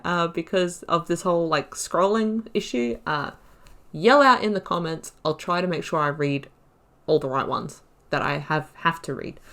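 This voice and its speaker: With a fairly low-pitched, fairly bright voice, this female gaming host reads lore from a game out loud. She adds casual commentary along the way, including informal remarks where she corrects herself.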